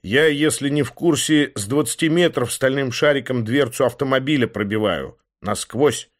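A man's voice: medium pitch, moderate pace, lightly acted. A man doing a proud, scolding policeman. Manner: lecturing, scolding. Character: proud reproachful male policeman.

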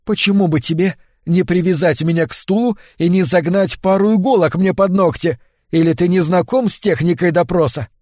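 A man's voice: a little high, moderate pace, darkish tone, no room sound, studio quality, natural voice. A man voicing a proud, bitter young wife who hides her witchcraft, spitting her words out sharply.

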